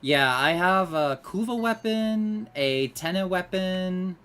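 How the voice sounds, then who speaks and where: Lively-voiced gamer chatting through gameplay. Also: mid-range voice, slow pace, clear, resonant tone. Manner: chatty, mutters to self while playing. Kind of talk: casual gameplay commentary.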